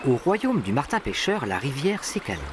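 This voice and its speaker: A man's voice: medium pitch, big pitch swings, moderate pace, background noise. A man reading scripted narration for a nature documentary. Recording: animal and bird sounds behind. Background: birdsong and natural ambience.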